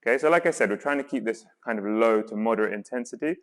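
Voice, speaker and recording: A man's voice: mid-range voice, fast talker. A man leading guided exercise as a workout instructor, coaching in an encouraging, reassuring way with counts and cues. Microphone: worn mic while exercising.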